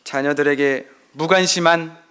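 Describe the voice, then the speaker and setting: A man's voice: fairly high pitch, steady tone, unhurried, clear, resonant tone. A middle-aged male pastor giving a sermon, telling stories about his son and acting out their exchanges. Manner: acts out dialogue with his son, shifting loudness. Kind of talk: sermon with personal anecdotes.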